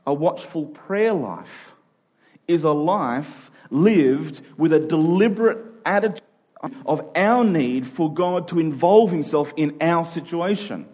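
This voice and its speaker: A man with a fairly high, slightly mellow voice delivers a conversational sermon, earnest and self-deprecating, thinking aloud and repeating phrases as he goes.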